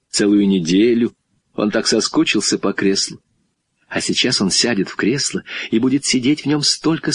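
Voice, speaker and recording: A man narrating a children's storybook in a lively, expressive reading voice. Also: dry recording, clean studio sound. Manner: expressive, with wide swings in pitch. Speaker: audiobook narrator.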